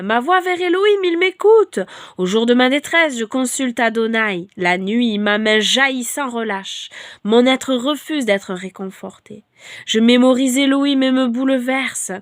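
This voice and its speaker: A woman at home reading scripture aloud in a devotional video, declaiming loudly and fervently. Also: a little high, no room sound, clean studio sound. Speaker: bible reader.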